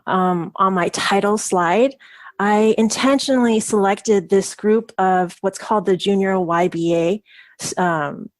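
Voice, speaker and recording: A woman, raised in the United States, giving an informal webinar talk as a professor, thoughtful and often pausing with ums and small self-corrections. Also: medium pitch. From Taiwan, raised in the United States. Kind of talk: informal online presentation.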